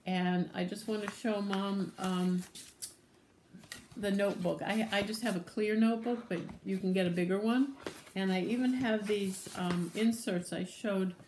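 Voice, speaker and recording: A woman teacher reads a picture book to young children at an unhurried pace. She is animated, with gasps and soft whispered asides, and she encourages the little ones to join in. A faint hiss sits behind her voice. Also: mid-range voice. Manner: gentle, encouraging, talks to the children directly.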